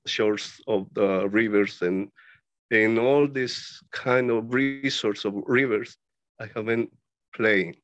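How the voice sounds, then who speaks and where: A man speaks slowly, stopping often and piling up lists of words as he explains his paintings. The recording is dry and close, without room echo. The sound is a little dull and lo-fi. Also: mid-range voice. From Ecuador. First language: Spanish. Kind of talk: casual talk about his own paintings. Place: his art studio.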